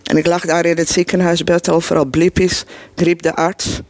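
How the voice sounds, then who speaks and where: Her voice sits on the low side, level and slightly mellow, at normal speed and with no room sound. She is a middle-aged woman recounting her own life to an audience, earnest, emotional and blunt.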